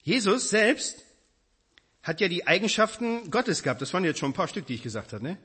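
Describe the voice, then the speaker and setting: A man preaching a sermon, addressing his congregation directly with emphatic, animated delivery. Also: sits high, brisk, slightly rough.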